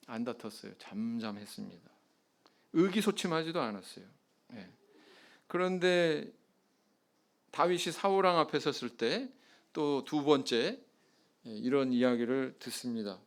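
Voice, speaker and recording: A male pastor delivering an expository sermon in a church, often putting questions to the congregation and answering them himself, with frequent affirming "yes" fillers. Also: on the high side. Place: church sanctuary.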